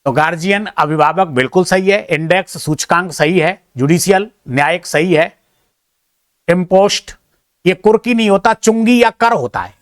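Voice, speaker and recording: A man with a somewhat higher voice works through exam questions, reading each option aloud and then giving his verdict. He drops in modest, chatty remarks to his students between answers. The sound is dry and close, with almost no room in it. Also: dry recording. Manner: self-deprecating, chatty asides to students. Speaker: teacher. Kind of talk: exam answer-key walkthrough.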